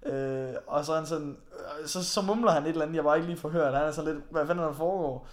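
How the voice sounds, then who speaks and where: A young man with a slightly high voice tells animated travel stories in a relaxed back-and-forth with a friend. He laughs easily and talks in a loose, casual way. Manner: laughs often, animated storytelling. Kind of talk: casual chat.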